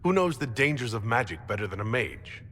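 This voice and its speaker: Voicing a composed, skeptical hero for a video game, a male actor keeps his delivery dry and matter-of-fact. His medium-pitched, fairly bright voice is very animated and a little fast. The audio is noisy, with long hall reverb.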